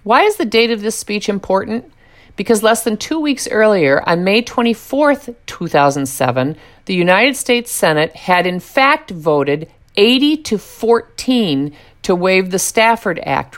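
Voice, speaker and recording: A woman's voice: mid-range voice, animated, normal speed. A woman reading scripted political commentary in a sarcastic, mocking manner.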